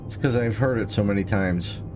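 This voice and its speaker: A man's voice: on the low side, normal speed, over music. A man casually explaining his game to chat viewers while livestreaming, with slight hiccups. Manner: relaxed, explains as he plays, talks to viewers. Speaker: livestreaming gamer.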